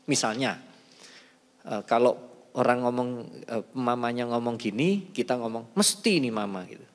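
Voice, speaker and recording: A man telling personal stories in a casual talk, shifting between soft asides and loud emphasis. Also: medium pitch, flat delivery, moderate pace. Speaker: talk show speaker. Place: large church hall. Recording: hall with long reverb.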